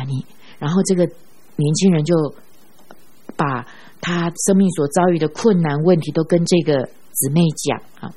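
A woman preaching a sermon, telling stories in an animated way and ending phrases with a drawn-out "ah". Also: sits low, husky. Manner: animated storyteller who ends phrases with a drawn-out "ah". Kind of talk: sermon with storytelling.

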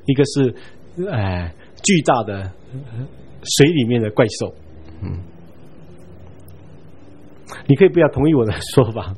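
A man giving a Bible study lecture in a relaxed, chatty way, chuckling now and then and checking in with his listeners. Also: medium pitch, breathy edge. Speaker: Bible teacher.

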